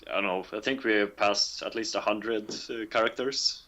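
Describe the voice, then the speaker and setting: Low-voiced man, halting and thoughtful. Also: steady tone, sharp tone. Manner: halting, many fillers, laughs often. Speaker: game developer.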